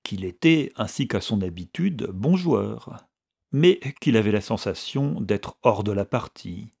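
A man reading a novel aloud as narrator, measured and steady. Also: on the low side, creaky, slightly rough.

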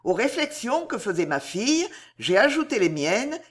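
A woman's voice: fairly high pitch, sing-song, normal speed, pitched above the performer's own voice. A woman reading an audiobook voices a poised, ironic middle-aged countess who speaks with mocking self-assurance.

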